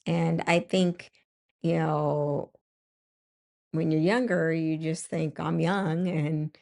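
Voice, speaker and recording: An older woman co-hosts a podcast with her husband. She talks slowly and reflectively, often stopping and starting over, and her lowish voice has a gravelly edge. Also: fairly even intonation, warm tone. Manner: hesitant, reflective, many restarts. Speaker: podcast co-host. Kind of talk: casual chat.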